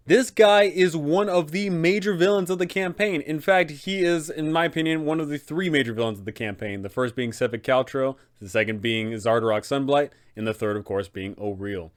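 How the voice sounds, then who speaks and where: Seated in a small room indoors, a young adult man serves as host and game master advisor for an explanatory tabletop game video. His voice sits a little high and moves briskly, and he delivers everything in an enthusiastic, emphatic way.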